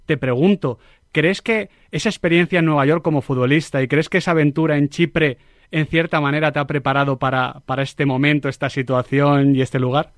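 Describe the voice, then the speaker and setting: Male radio host, fast brisk questions, slightly high voice, dry close sound. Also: steady tone, no echo. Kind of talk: radio interview.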